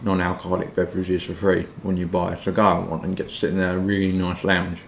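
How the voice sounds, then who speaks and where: A twenty-something pipe and cigar reviewer from southeast England speaks quickly in a low voice with vocal fry and a completely flat delivery. He rambles casually, hedging along the way, from a small furnished room at home where the recording sounds roomy and slightly noisy.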